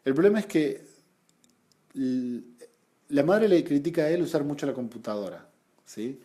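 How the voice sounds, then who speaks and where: A man's voice: a little high, expressive, normal speed, dark tone. A man with an Argentine Spanish accent teaching a study group in an explanatory lecture, often adding rhetorical tag questions and repeating points for emphasis.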